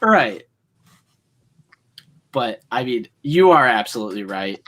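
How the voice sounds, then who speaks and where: A man's voice: medium pitch, sing-song, slow, a bit bright. A man co-hosting a casual livestream, talking in long rambling runs full of fillers. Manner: rambling, filler-heavy, enthusiastic fan talk. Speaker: co-host.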